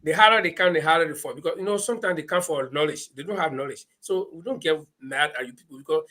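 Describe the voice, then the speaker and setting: A man with a Liberian accent hosting an animated live political discussion, speaking emphatically and repeating his phrases. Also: fairly high pitch, quick pace. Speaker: panel host.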